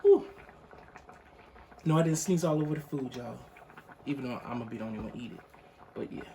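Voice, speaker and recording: This clip has low-quality audio and a faint hiss or hum. A young man with a medium-pitched, dark voice talks briskly through a casual recipe in his living room, cooking in a pot on a hot plate. Freshly awake and groggy, he keeps things laid-back and chatty, calling his audience y'all.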